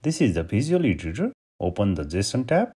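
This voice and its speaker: Husky low-voiced man from Nepal. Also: fairly quick. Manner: steady step-by-step instructions. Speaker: tutorial host. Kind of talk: screen-recorded software tutorial.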